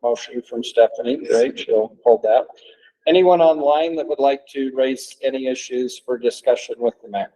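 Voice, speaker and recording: A man running a committee meeting, leading it through agenda items and inviting comments from the room and online. His voice sits at an average pitch with a dark, mellow tone. He talks in a measured, procedural way. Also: poor audio. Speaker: committee chair. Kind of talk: meeting chairing.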